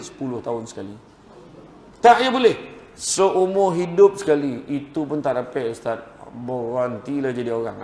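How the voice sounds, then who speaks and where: A man with a Malaysian accent giving a lively, jokey sermon as a preacher. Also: mid-range voice, gravelly. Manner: lively, jokey preaching with a rising, animated delivery. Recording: echoey hall with faint noise.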